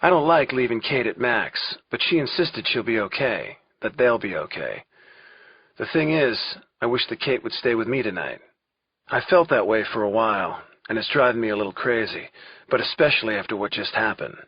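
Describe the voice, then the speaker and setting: Male audiobook narrator, wry first-person thriller, husky, dull lo-fi sound. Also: fairly low pitch, animated, moderate pace, dry recording. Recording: dull lo-fi recording.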